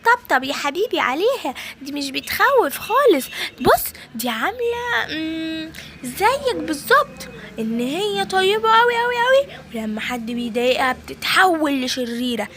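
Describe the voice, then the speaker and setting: Casting: woman playing a scheming game granny, Egyptian accent, high teasing voice, chats to viewers. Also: sing-song, moderate pace, a bit bright, slight background noise. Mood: coaxing. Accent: Egyptian Arabic. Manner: sing-song, teasing, addresses viewers directly. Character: wicked old granny villain, scheming but claiming kindness. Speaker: gaming YouTuber. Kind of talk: playful game role-play narration.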